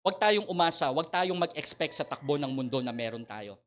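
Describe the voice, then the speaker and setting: A middle-aged man with a Filipino accent preaching a sermon as pastor, swinging between loud appeals and quiet asides. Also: on the high side, animated, fairly quick. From Philippines.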